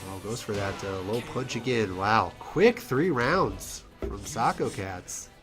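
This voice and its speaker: Male caster, low voice, stuffy from a cold, relaxed chatty play-by-play over loud game music. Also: slow. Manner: casual, chatty, laughs often, many fillers. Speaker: esports commentator. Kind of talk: solo play-by-play commentary.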